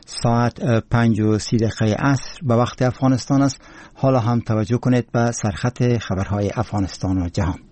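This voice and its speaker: A man's voice: medium pitch, fairly even intonation, a little mellow, slight background noise. A man with an Afghan accent making formal, solemn radio announcements in a newsreader's manner.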